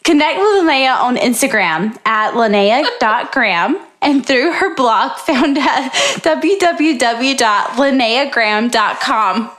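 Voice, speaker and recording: A woman's voice: a little high, slow, hardly any pauses, a bit bright. A woman co-hosting a casual podcast, joking around with playful asides. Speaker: podcast co-host.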